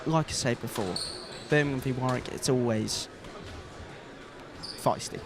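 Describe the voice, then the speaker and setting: A young man commentating live on a student squash match in a chatty way. He often stumbles and restarts mid-sentence. Loud music sits under his voice. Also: mid-range voice, a little slow. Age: young adult.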